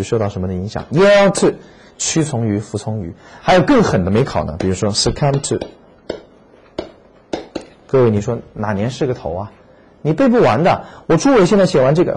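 A man's voice: mid-range voice, a little mellow, breathy edge. A man teaching exam vocabulary in a lecture. He speaks emphatically, repeats key words and asks rhetorical questions.

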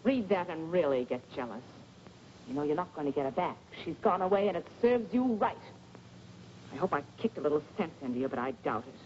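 Tell-it-straight gal, 1940s film, lively swings, muffled track. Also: female voice, low-pitched, a little fast, a little hiss or hum. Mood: scolding. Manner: scolding, emphatic. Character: blunt, outspoken woman friend. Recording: dull old film soundtrack.

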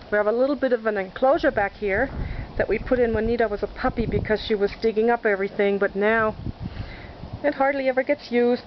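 A woman giving a chatty, self-deprecating walking tour of her sunny backyard garden, narrating as she goes. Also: a little high. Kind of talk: casual walking video tour. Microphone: handheld camera mic. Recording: dull lo-fi camcorder audio with outdoor noise.

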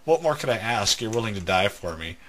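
A man's voice: on the low side, sing-song, fairly quick, a bit bright, a little hiss or hum. A man hosting a let's play, chatting casually and telling jokes while gaming. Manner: joking, teasing storyteller. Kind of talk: casual gameplay chat.

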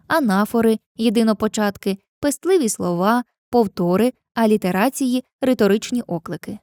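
A woman narrating a scripted literature lesson in a clear, measured way, reading lines of poetry slowly. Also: medium pitch, dark tone, no echo, clean studio sound.

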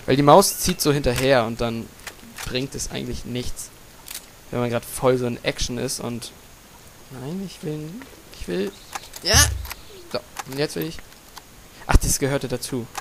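A man giving gaming commentary, muttering to himself, swearing casually and yelling out repeated words when the action heats up. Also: medium pitch, measured pace, vocal fry, pauses often, background noise. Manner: excitable, yells and repeats words in a rush during fights. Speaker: let's player.

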